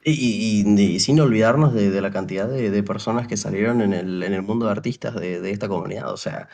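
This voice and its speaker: Soft music plays behind a young Paraguayan man with a lowish, slightly mellow voice, brisk and touched with vocal fry. As a guest in a casual interview, he tells a long, meandering story packed with restarts and "o sea," voicing lines of dialogue himself.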